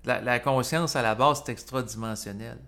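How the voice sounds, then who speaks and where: A man, leading a casual discussion in a measured, hesitant way with frequent pauses. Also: mid-range voice, pushed and bright. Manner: measured, hesitant, restarts with "euh".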